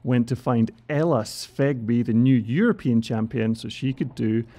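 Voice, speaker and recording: A man with a gravelly edge to his voice talks over a downhill preview run. His tone sits on the warm, darker side. He keeps the commentary upbeat and chatty. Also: medium pitch, moderate pace. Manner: upbeat, chatty, laughs between remarks. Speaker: mountain bike race presenter.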